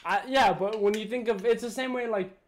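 High-voiced man rambling in casual banter. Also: fairly quick. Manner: loose, rambling, swears casually. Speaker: podcast co-host.

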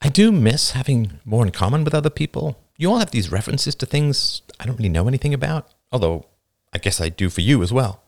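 A man reading the part of a content, earnest teenage girl in an audiobook, reflective and unhurried. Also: medium pitch, sing-song, gravelly.

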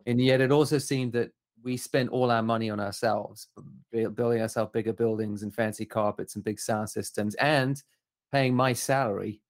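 With a steady, medium-pitched voice at a moderate pace, a middle-aged photographer from Southern Africa gives reflective interview talk. He comes across as thoughtful and candid, often questioning himself.

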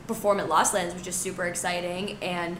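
A young woman with a hoarse, raspy smoker-like voice that is nearly gone, chatting casually and enthusiastically as a podcast co-host. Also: lowish voice, level tone, fairly quick, fairly bright tone. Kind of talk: casual chat. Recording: roomy echo with background noise.

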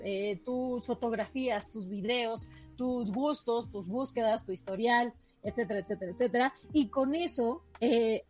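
A woman's voice: a little high, a little mellow. A woman, chatting on a panel and laughing often as she tells a tech news item. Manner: laughing, chatty, quick asides. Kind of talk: casual panel chat.

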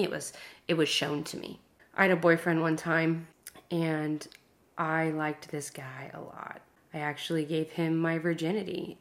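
A podcast host in her thirties with a deep voice speaks straight to her listeners in an earnest, encouraging personal monologue that now and then drops to a soft whisper.

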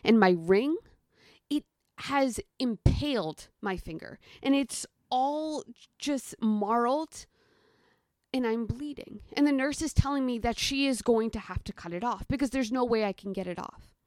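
With a slightly high voice and an unhurried pace, an American woman in her thirties chats easily as a guest, then recounts a personal story in the present tense, animating the quoted voices. The studio-quality recording has no room sound.

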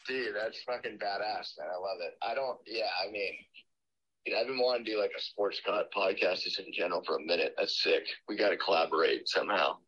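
A man's voice: fairly low pitch, a little fast, a bit bright. A man calling in on speakerphone, chatting casually and swearing freely with his friends. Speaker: caller. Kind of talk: casual chat. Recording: muffled speakerphone call.

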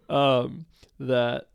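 A man's voice: mid-range voice, vocal fry, dry recording, studio quality. A man in his late twenties in a casual, thoughtful chat with his partner, rambling with many fillers and restarts. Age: late 20s.

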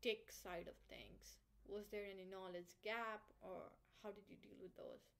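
A woman's voice: mid-range voice, steady tone, fairly bright tone. A woman hosting a casual video-call interview, asking upbeat questions. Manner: quick, upbeat questions, mixes English and Nepali. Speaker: host, interviewer.

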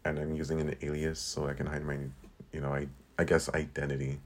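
Very deep and monotone, his voice runs a little fast as this twenty-year-old Southern Californian rambles through a casual solo monologue on his podcast. Fillers pile up, "like" especially, and he swears a lot.

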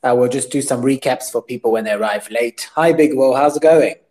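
A man's voice: medium pitch, a little fast, a little mellow. A man hosting a casual group call interview show in a polite, welcoming manner. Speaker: host of an online NFT project interview show.

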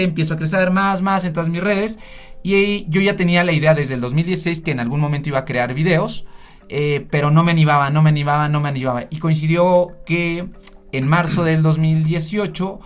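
A Mexican man speaking in a slightly high register. He tells stories from his work as a doctor with a dry, sarcastic humor, talking loosely to a panel. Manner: sarcastic, joking storyteller. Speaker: doctor and social media health creator. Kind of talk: panel talk, personal storytelling.

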